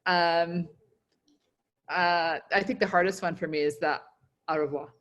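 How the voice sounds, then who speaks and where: Hesitant woman student, slow and halting. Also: lowish voice, steady tone, fairly bright tone. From Montana, United States. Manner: hesitant, many ums, laughs at her own tries. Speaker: language student. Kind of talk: online one-on-one language lesson.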